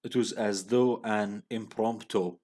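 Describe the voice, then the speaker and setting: Slow, husky male teacher reading aloud. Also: fairly low pitch, steady tone, darkish tone. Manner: slow, halting reading with small fillers and self-corrections. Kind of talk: reading a short story aloud in a lesson.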